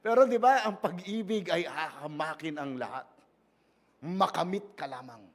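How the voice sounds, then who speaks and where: High-voiced Filipino pastor preaching. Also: male voice, animated, normal speed. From Philippines. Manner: playful, joking, often asks the congregation "di ba?". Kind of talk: conversational sermon mixing Tagalog and English.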